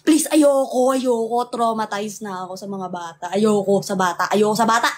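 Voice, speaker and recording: A woman's voice: mid-range voice, steady tone, normal speed, a little hiss or hum. A young woman with a Filipino accent, chatting casually with viewers on a livestream, laughing often and mixing English in. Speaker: livestream host.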